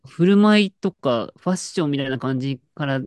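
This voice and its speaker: A woman's voice: deep voice, lively intonation, brisk, a little mellow, no echo. A woman in casual chat, telling an anecdote with lots of fillers and restarts. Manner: storytelling with frequent fillers and laughs.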